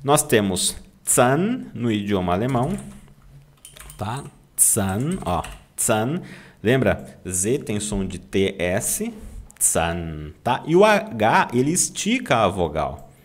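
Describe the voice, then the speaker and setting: A Brazilian man teaching German online, who draws out German words slowly to model the pronunciation and keeps asking "tá?" to check that students follow. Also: on the low side, big pitch swings. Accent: Brazilian Portuguese. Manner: slow, drawn-out demonstration of German words, frequent "tá?" check-ins. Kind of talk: online language lesson.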